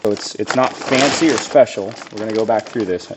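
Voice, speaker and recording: A lawn care business owner with a cold narrates a casual how-to while demonstrating a DIY build in a noisy room. His voice is raspy, lowish, and brisk, and he's plain-spoken and relaxed, thinking aloud with restarts.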